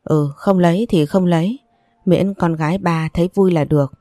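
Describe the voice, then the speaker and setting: A woman's voice: on the low side, steady tone, moderate pace, dark tone, dry recording, clean studio sound, natural voice. A woman voicing an older wealthy boss who dotes fondly on his daughter. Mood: indulgent. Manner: indulgent, fond. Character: older man, wealthy ruthless boss, doting father.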